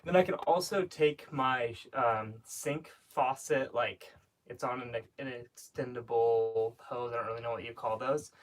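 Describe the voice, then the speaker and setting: A man's voice: medium pitch, normal speed, distant mic, poor audio. A young man in his twenties chatting casually and upbeat as a guest on a live stream. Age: 20s. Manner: chatty, upbeat, laughs easily. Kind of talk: casual chat.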